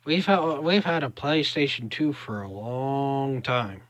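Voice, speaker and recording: Male vlogger, Southern US drawl, slow and halting delivery, casual rambling chat, dry recording. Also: mid-range voice, fairly bright tone, no echo. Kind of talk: casual solo vlog chat to camera.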